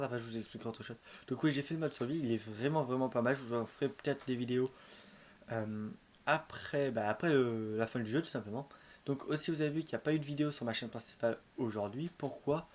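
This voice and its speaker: A man hosts a gaming video in a casual, rambling way. He often doubles back to repeat or correct what he said. His mid-pitched voice comes with clear background noise. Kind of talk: casual let's-play commentary. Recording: clearly noisy home recording.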